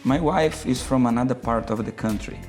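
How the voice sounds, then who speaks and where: A middle-aged man from Brazil, a talk show guest who pauses and searches for words. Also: medium pitch, darkish tone, soft background music. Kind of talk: casual talk show chat.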